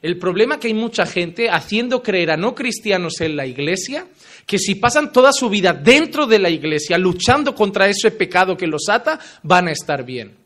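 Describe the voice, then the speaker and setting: Fervent high-voiced preacher man. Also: big pitch swings, moderate pace. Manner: fervent, confronting listeners with direct questions; swings between loud emphatic lines and low quiet endings. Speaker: pastor. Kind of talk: sermon.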